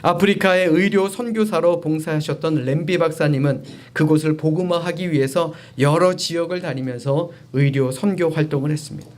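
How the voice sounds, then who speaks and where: A man, a pastor, preaching a sermon, exhorting the congregation directly and swelling his voice on key phrases. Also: on the high side.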